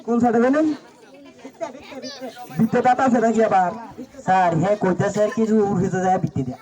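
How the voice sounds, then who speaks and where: A man's voice: high voice, fairly quick, warm tone, highs cut off, natural voice. A man with a rural Bangladeshi accent playing a cheeky dentist's assistant who chatters and argues in a comic stage play. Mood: complaining. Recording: outdoor stage with noisy crowd.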